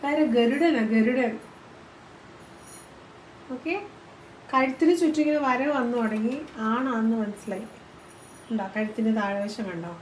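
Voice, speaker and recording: A woman's voice: a little high, unhurried, long pauses, a little hiss or hum. A woman from Kerala vlogging at home, talking to her pet parrot in coaxing, cooing baby talk. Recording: echoey room.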